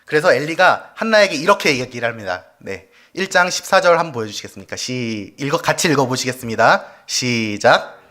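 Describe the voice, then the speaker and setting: A man's voice: mid-range voice, lively intonation, a little fast, bright, forceful tone. A male evangelist preaching a weekday church sermon, leading the congregation through scripture and asking them questions. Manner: leads the congregation in reading scripture aloud; asks the congregation rhetorical questions. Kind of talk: Wednesday service sermon. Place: church sanctuary.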